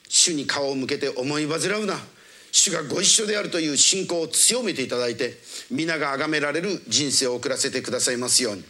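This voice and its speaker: Fervent pastor praying, bright voice. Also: male voice, a little high. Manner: formal, fervent, commanding rebukes.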